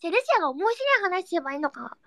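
A young woman hosting a casual live audio chat, reading listener comments in a cutesy, excitable way and breaking into squeals and giggles. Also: very high-pitched, very fast, gravelly, dry recording, studio quality. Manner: cutesy, baby-talk endings.

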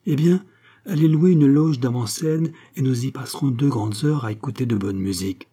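Sentimental fake countess coaxing her lover, man reading her, dark husky voice, storybook. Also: mid-range voice, normal speed, voice pushed up, close to an everyday voice.

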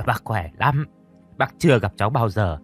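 A man's voice: fairly low pitch, animated, moderate pace, breathy edge, soft background music. A man voicing a frail older village woman. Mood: affectionate.

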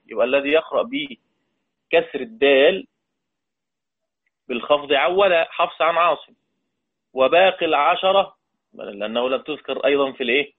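A man with an Egyptian accent teaching Quran readings. He explains slowly, chants the quoted verses and puts questions to his pupils. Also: fairly high pitch. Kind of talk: religious lesson. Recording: tinny phone-like audio.

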